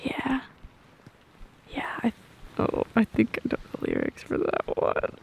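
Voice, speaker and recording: Here the same kind of intimate ASMR girlfriend roleplay comes from a woman whose fairly high voice swings hugely in pitch as she talks a little slowly. She's soft, breathy, often whispering, and endearingly playful and dorky, though the audio quality is poor.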